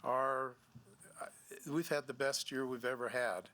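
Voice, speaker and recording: A middle-aged man, a gallery owner giving a seminar talk, speaking haltingly with many restarts and fillers. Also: mid-range voice, steady tone, pushed and bright. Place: museum seminar room.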